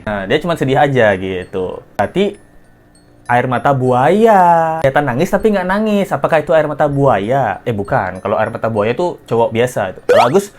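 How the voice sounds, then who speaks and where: A man's voice: mid-range voice, animated, fairly quick, faint music behind. Laughing, mocking male gossip commentator. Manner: mocking, laughs often, jokey wordplay. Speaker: commentary host. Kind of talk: casual gossip reaction commentary.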